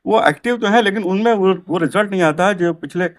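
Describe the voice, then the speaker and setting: A man, a reporter, asking pressing questions loudly. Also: high voice, fast.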